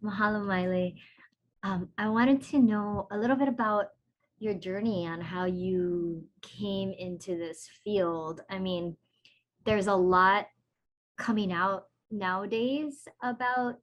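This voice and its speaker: A woman asks a guest a question at an unhurried pace. Her voice sits in a middle pitch, and her tone is friendly. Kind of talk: online Q&A question.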